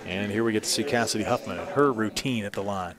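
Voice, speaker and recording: Man calling a basketball game. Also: lowish voice. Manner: rapid play-by-play, rising excitedly on baskets. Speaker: play-by-play announcer. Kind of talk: sports commentary. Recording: loud gym crowd behind.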